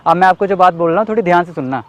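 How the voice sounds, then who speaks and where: A young man hosting a staged street skit, earnestly lecturing and pleading for calm, outdoors on a city street. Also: high-pitched, rapid-fire. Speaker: prankster host of a street skit. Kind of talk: scripted street confrontation skit.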